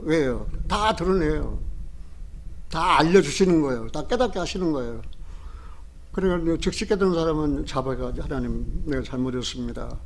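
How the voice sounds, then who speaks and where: A man preaching a sermon as pastor, moving from quiet, low retelling and pleading prayers to loud exhortation, with rhetorical questions. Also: a little hiss or hum.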